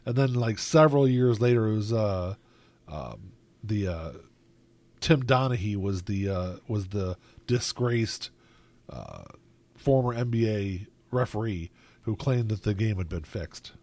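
A man's voice: on the low side, expressive, unhurried, a little mellow, dry recording. A man hosting a casual chat, rambling with lots of filler words.

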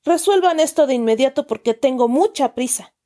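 A woman voicing a stern, pompous middle-aged uncle who loudly lectures children with exaggerated indignation. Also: high voice, lively intonation, brisk, voice pushed up. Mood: scolding. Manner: loud, scolding, exaggerated indignation.

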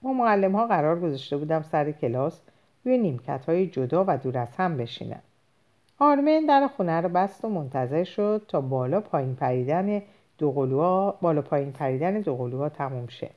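A woman narrating a novel in the first person, expressive storytelling. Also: deep voice, highs cut off. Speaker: audiobook narrator.

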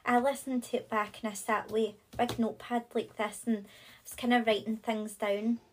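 A woman's voice: a little high, flat delivery, normal speed, slight background noise, poor audio. A woman hosting a podcast, talking in a friendly, casual way with lots of short agreeing replies. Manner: friendly, with many short back-channel replies. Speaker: podcast host.

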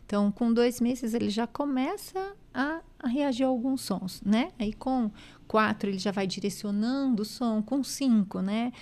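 A Brazilian woman speech therapist, a guest explaining child language milestones patiently, ending phrases with quick tag questions. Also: a little high, a little mellow. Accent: Brazilian Portuguese. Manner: explains patiently, constant "né?" tags. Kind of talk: explanatory interview talk.

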